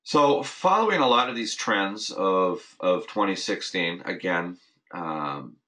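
A man with a notably low voice hosts a recorded weekly marketing update webinar, speaking slowly but in an animated, pushed, bright manner. His talk is unscripted and casual, full of restarts and "you know" fillers.

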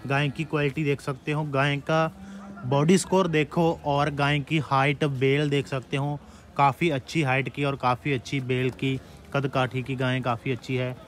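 Farm channel guy outdoors, normal pitch, steady, asks about cows and rates. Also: normal speed. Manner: plain and steady, addresses farmer brothers directly. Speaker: channel host. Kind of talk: presenting cattle rates to farmers. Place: outdoor cattle market.

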